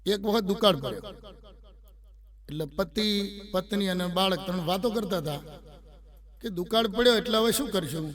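A man's voice: high-pitched, normal speed, long pauses. A middle-aged man with a Gujarati accent, telling comic stories and voicing the people in them. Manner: storytelling with voiced quotes of characters. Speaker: comedian telling jokes. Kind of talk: Gujarati stand-up joke telling. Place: recording studio.

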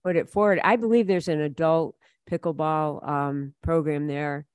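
A councilor speaks at a council meeting through a table microphone, pausing often with ums. The voice is mid-pitched and the sound is dry and close. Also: steady tone, clean tone, no echo. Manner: hesitant, with ums. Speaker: city councilor. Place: city council chamber.

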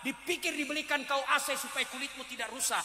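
A middle-aged man preaching a lively, joking sermon, acting out wives and husbands in put-on voices. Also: extremely high pitch, fast. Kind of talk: sermon at a large public gathering. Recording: echoey hall with long reverb.

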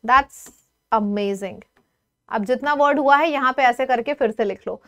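Lively high-voiced woman teacher. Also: unhurried, clean tone. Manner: lively, coaxing, asks students questions. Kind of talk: online vocabulary lesson.

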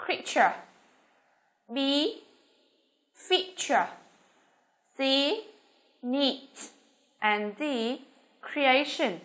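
Vietnamese woman teacher, high voice, drags out the example words slow and clear. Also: pushed and bright. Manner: slow, drawn-out model words between quicker explanations. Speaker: English pronunciation teacher. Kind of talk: pronunciation lesson.

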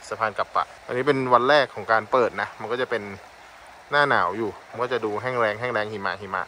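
In a rough recording with loud outdoor background noise, a man vlogs his travels by a mountain river. He walks, tastes food and thinks aloud in casual, chatty commentary, speaking fast in a mid-range voice.

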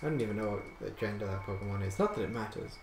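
A man's voice: lowish voice, rapid-fire, reverberant, slight background noise. A man commentating a video game as he plays, joking crudely and swearing often. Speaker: let's play commentator. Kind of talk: casual gaming commentary.

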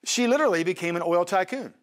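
A man hosting a faith and finance show, teaching from the Bible in an animated way. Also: sits high, fast. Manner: animated, acts out Bible voices. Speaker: host and teacher.

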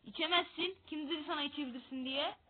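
A woman with a high voice talks through her game in casual commentary. She is excitable and quick to mock her own losses. The audio is narrow and tinny, like a phone line. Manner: excitable, self-mocking about losing. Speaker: gamer.

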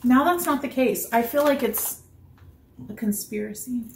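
A woman's voice: a little high, moderate pace. An American woman in her thirties chatting casually as she co-hosts a snack review. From Chicago, US. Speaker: food review co-host. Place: indoors, small room on a sofa. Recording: roomy echo, clear background noise.

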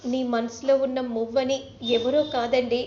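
A woman's voice: on the high side, level tone, moderate pace, mellow, a little hiss or hum, natural voice. Woman voicing an earnest young woman in love. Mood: earnest pleading. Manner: pleading, earnest. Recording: roomy, slightly dull recording.

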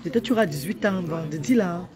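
A woman's voice: fairly low pitch, a little fast, a crowd in the background. Insistent woman live-streaming. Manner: reads out viewers' greetings, defensive and insistent. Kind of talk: casual live-stream chat.

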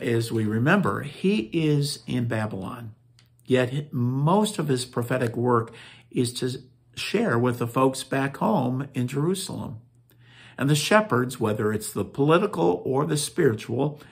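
Pastor guy reading scripture then reflecting, real slow, gravelly and kinda husky. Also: medium pitch. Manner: slow, deliberate, with dropping phrase endings.

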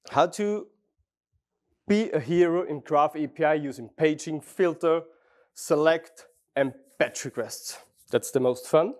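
A man's voice: on the high side, a little mellow. Austrian man giving a conference tech talk. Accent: Austrian German. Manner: friendly, chatty, restarts phrases, asks audience questions. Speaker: conference speaker. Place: large conference hall.

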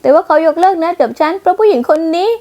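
A woman voicing a spoiled young fiancée who whines and tattles in a shrill manner, in a manga dub. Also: lively intonation, very fast, dark tone. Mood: whiny tattling.

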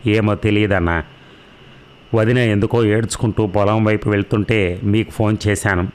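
A man's voice: on the low side, fairly even intonation, moderate pace, clear, resonant tone, lightly acted. A man reading the part of an anxious young village man who urges his elder brother to hurry. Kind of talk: storybook narration.

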